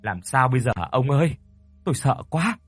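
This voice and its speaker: A man voicing a frightened, shrill older woman, the landlord's first wife, who stammers when she is scared. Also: sing-song, a little fast, husky, faint music behind.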